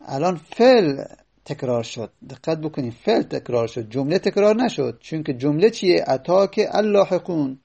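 Gravelly-voiced man teaching grammar. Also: fairly high pitch, animated, dark tone. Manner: patient, repeats phrases to explain, quotes Arabic verse. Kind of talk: classroom lecture explaining grammar.

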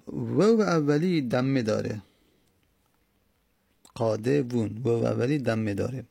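A man's voice: mid-range voice, creaky, mellow, slightly rough, dry recording, studio quality. A man teaching a grammar lesson, patiently repeating and drawing out words as he explains.

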